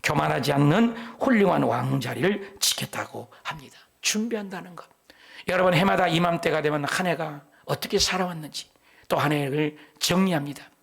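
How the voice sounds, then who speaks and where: A middle-aged male pastor preaching a sermon, animated and joking, often dropping into emphatic whispers. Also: a little high, normal speed, gravelly, slightly rough. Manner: tells folksy jokes between scripture points.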